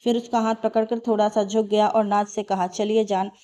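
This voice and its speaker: A woman storyteller reading a story aloud in a steady, even manner. Her voice is mellow and warm, at a middle pitch for a woman. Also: a little fast. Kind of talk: read-aloud story narration.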